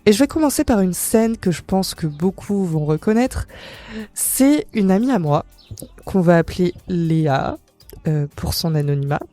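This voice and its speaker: A woman's voice: on the low side, expressive, moderate pace, warm tone, dry recording, soft background music. A woman hosting a psychology podcast, explaining things in a chatty, conversational way with playful asides. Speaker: podcast host. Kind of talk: casual psychology podcast monologue.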